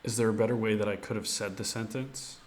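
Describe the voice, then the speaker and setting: A man practising Japanese as a learner, thinking aloud and speaking haltingly when he tries the language. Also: lowish voice, fairly even intonation.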